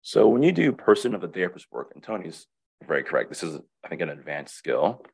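A man with a deep voice talks through his counseling practice in a relaxed webinar chat. He pauses, repeats himself and restarts phrases as he works out what he means. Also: vocal fry, breathy edge. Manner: reflective, many restarts and repetitions. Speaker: counselor and guest. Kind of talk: casual webinar conversation.

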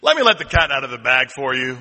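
Bright-voiced pastor preaching in a hall. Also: male voice, mid-range voice, fast. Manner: humorous, conversational preaching with audience prompts. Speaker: senior pastor. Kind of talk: sermon. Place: church sanctuary. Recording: long reverb of a church hall.

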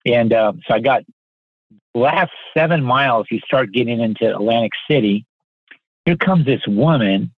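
Husky older man on a tinny line. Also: mid-range voice, lively intonation, moderate pace, no room sound. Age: 60s. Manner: earnest, polite, repeats words as he restarts sentences. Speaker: podcast guest. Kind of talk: casual anecdotal storytelling. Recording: tinny phone-like line, dry.

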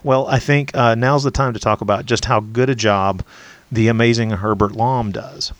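Man, mid-pitched voice, analytical podcast talk. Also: fairly even intonation, moderate pace. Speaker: podcast co-host. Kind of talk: casual film discussion.

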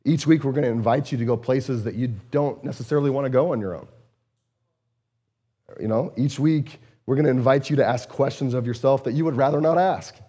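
Earnest and conversational, a lead pastor moves briskly through his sermon in a dark, mid-range voice that's slightly hoarse and strained. Fillers and word repetitions crop up frequently.

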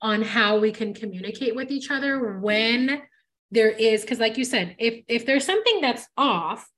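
A woman's voice: a little high, lively intonation, moderate pace, a bit bright. A woman hosting a casual podcast chat, talking emphatically and addressing listeners directly. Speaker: podcast host, hair educator.

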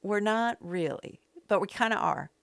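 A middle-aged American woman hosts a casual, conversational podcast from a small loft at home, rambling through stories and poking fun at herself. Her medium-pitched voice is fairly bright with vocal fry, at a moderate pace. The sound is clean and studio-like, with no room sound.

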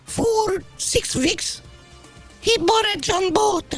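A man doing a shrill complaining model wife. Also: very slow, gravelly, a bit bright, soft background music, full character voice. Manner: complaining, broken grammar, mock-serious. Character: high-voiced woman, a famous model's impression, angry wife.

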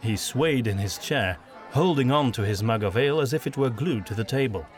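A man reading a fantasy audiobook in a measured storytelling manner. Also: medium pitch, expressive, soft background music. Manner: measured storytelling, doing all the voices. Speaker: narrator. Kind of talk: scripted audiobook narration.

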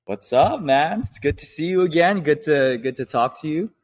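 A man's voice: fairly high pitch, expressive, normal speed. Easygoing man, podcast guest. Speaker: podcast guest, gym owner. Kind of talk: casual podcast chat.

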